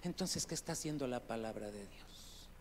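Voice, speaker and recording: A male pastor preaching a sermon, swinging from quiet asides to loud, rising outbursts and questioning his congregation directly. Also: mid-range voice, lively intonation, normal speed, a little hiss or hum. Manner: addresses listeners as brother, asks questions of the congregation. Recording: long hall reverb.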